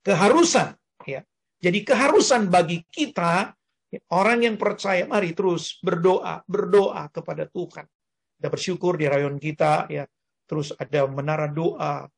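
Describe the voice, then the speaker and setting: Older man, pastor, online sermon, husky voice, animated call-and-response. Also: fairly high pitch. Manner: animated, calls congregation to repeat words.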